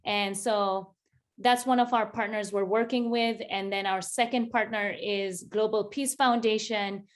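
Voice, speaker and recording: Kenyan-born woman, relaxed interview guest. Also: mid-range voice, unhurried. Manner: relaxed, laughs often, many fillers. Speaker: interview guest, business founder. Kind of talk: casual interview.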